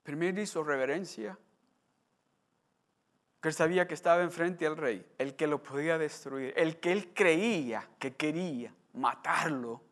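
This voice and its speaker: A male preacher giving an impassioned sermon that swells in loudness on repeated lines, switching between Spanish and English. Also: a little high, a little slow.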